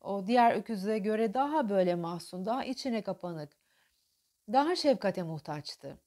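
Woman diction teacher, very lively intonation, explains then recites poetry with deliberate pauses. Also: mid-range voice. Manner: alternates explanation with dramatic poem recitation, marked pauses and stress. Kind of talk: diction lesson with poetry reading.

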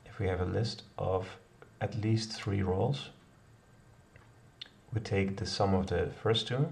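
A middle-aged programmer with a deep, slightly mellow voice talks slowly while live-coding a kata at home, hesitating, filling pauses and correcting himself as he thinks aloud. His voice comes across as distant over clear background noise, with typing and clicks audible in his home office.

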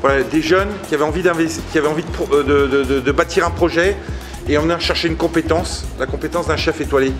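A man's voice: fairly high pitch, fairly even intonation, fast talker, music in the background. Joking middle-aged Breton chef, man. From Brittany. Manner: jokey, hesitant, repeats words. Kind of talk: casual interview chat. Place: small restaurant.

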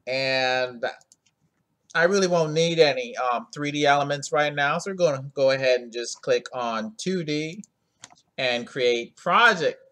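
A man's voice: mid-range voice, a little slow, a bit bright. A man hosting a screen-recorded coding tutorial, talking in a laid-back, rambling way full of ums and asides.

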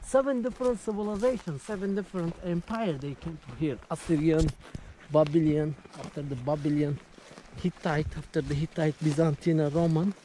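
In poor audio with slight background noise, a male local tour guide talks in a warm, steady, fairly high voice. His broken English comes in short phrases, hesitant and padded with fillers, as he explains sights outdoors and within a mud-brick house.

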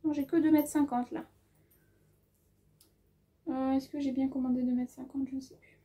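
A woman's voice: high voice, little pitch movement, normal speed, dark tone. A woman with an accent of her own, chatting casually in a sewing haul video, thinking aloud as she measures fabric, with plenty of hesitations and filler words. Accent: has an accent of her own. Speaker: sewing vlogger.

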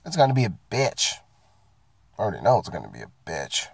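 Gravelly with a breathy edge, this man's lowish voice swings hugely in pitch as he talks briskly, with no room sound. He's a vlogger getting sick, casually ranting to the camera from his parked car about his work week in a profane, rambling, self-mocking way.

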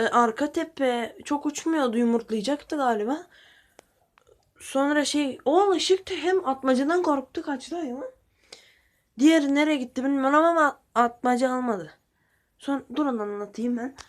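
A woman who keeps pigeons walks viewers through her birds in a casual vlog, chatty and blunt and swearing now and then. She speaks at a normal speed in a high voice.

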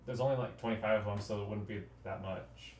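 A man's voice: lowish voice, steady tone, fast, darkish tone, echoey room, far from the mic, a little hiss or hum, close to an everyday voice. A young man playing a flustered student who stumbles over answers, in an amateur comedy sketch. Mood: casual. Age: young adult. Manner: hesitant, stumbling with fillers. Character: flustered young male med student cramming. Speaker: student being quizzed. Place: small dorm bedroom indoors.

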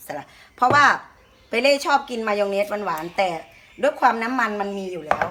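A woman's voice: mid-range voice, expressive, fast, fairly bright tone. A woman hosting a casual home cooking video, chatting and explaining as she prepares a salad.

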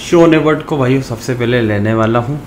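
An Indian fantasy cricket YouTuber with a sore throat chats casually, calling his viewers brothers and breaking into animated rants now and then. His medium-pitched voice runs a little fast, with slight hiss or hum in the audio.

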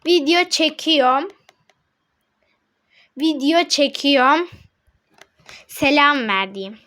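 High, lively, excitable female gamer. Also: takes it slowly. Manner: excitable, addresses viewers as friends, reads chat aloud; bursts into high laughing shouts. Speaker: gaming channel host. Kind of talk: casual gameplay commentary.

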